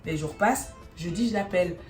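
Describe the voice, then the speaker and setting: A woman casually telling a story in an animated way, swearing freely. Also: lowish voice, brisk, faint music behind. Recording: roomy echo.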